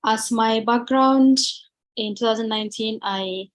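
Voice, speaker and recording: A young woman from Ethiopia, a PhD student, giving a halting webinar presentation with many fillers and restarts over a video call. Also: on the high side, no echo.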